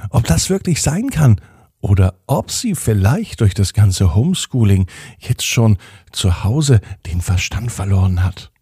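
Male storyteller for a children's tale, warm and husky, very lively pitch, close and dry. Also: no room sound. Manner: gentle, expressive storytelling with playful pitch swings.

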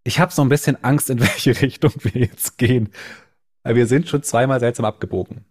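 A man from Northern Germany chats on a podcast with playful, joking banter. His voice sits at a plain middle pitch, recorded close on a podcast mic. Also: fairly quick, slightly rough. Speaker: podcast co-host, copywriter and author. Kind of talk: casual podcast chat.

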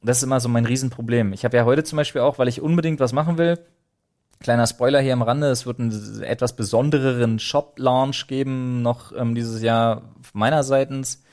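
A man co-hosting a casual podcast chat, talking fast and animated, with many words in quick bursts. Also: mid-range voice. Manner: fast, animated, laughs a lot. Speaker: podcast co-host.

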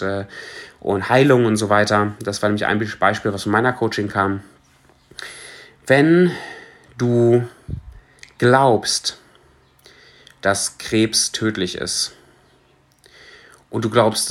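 Man coaching in a lively talk. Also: on the low side. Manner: lively, steps from very soft to animated, many restarts. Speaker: personal development coach. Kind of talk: casual motivational talk.

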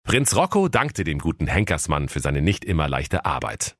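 Animated man narrating a comic fairy tale. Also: extremely low pitch, normal speed, no echo, studio quality. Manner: playful, animated.

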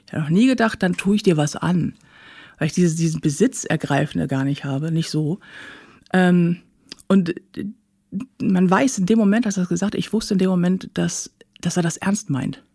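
A woman's voice: fairly low pitch, moderate pace, creaky, mellow, husky, dry recording, studio quality. A woman guest recounting her own painful experiences candidly and matter-of-factly in an interview. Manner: candid, matter-of-fact about painful events. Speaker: guest, author. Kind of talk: personal interview account.

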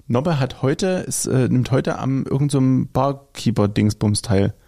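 Man with a German accent, podcast co-host in casual chat, gravelly and mellow, meandering storyteller. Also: medium pitch, a little slow. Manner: rambling, anecdotal, self-correcting.

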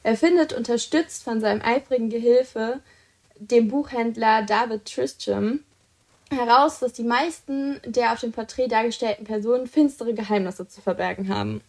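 On a casual podcast, a young woman with a higher voice and a darkish tone gushes about favorite books at a normal speed. She co-hosts the show, presenting the titles in a chatty, excited manner and leaning on many fillers.

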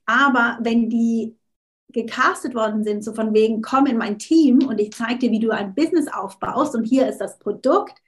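A female coach appears as an interview guest, speaking casually at normal speed in a fairly high voice. German isn't her first language and she's unsure of it, so she often restarts words and slips in English phrases.

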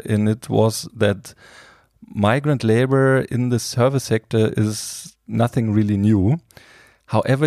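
A man hosting a podcast interview, introducing guests and asking measured, prepared questions. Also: mid-range voice, warm tone, no room sound, studio quality. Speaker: podcast host.

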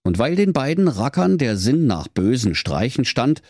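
A man's voice: medium pitch, sing-song, moderate pace, a little mellow, no echo, studio quality. A man narrating a comic fairy tale in a mock-solemn storytelling manner. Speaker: podcast host and narrator.

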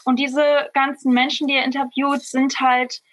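A woman's voice: high voice, flat delivery, normal speed, fairly bright tone. A woman in her twenties, a medical student and podcast guest, speaking thoughtfully with many fillers. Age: 20s. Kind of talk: casual interview.

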